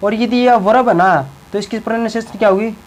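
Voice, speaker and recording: Young male teacher with a high voice who repeats key words and keeps checking in with the class. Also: steady tone, fast talker, poor audio. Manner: repeats words and tags lines with a check-in phrase. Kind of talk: classroom lesson explaining English verbs in Hindi.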